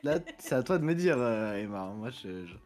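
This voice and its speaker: Hesitant man with a lively voice. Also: medium pitch, moderate pace. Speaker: stream co-host. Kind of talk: casual live stream chat.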